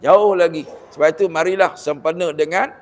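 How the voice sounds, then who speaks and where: A man with a Malaysian Malay accent giving a Ramadan sermon, lively and storytelling, with jokes and rhetorical questions. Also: fairly high pitch, fairly quick. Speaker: religious teacher giving a Ramadan talk. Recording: long hall reverb.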